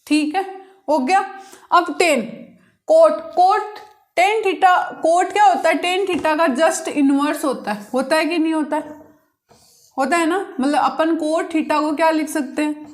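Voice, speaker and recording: A woman's voice: very high-pitched, a little slow. A woman maths teacher explaining a lesson step by step, asking the class questions and answering them herself. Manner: patient, repetitive step-by-step explaining. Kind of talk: blackboard-style maths lesson.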